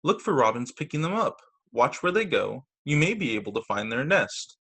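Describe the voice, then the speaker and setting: Over a video call, a teacher reads picture books aloud to children, expressively acting out quoted lines and making casual comments about the pictures. His mid-range voice has a breathy edge, and he speaks at normal speed.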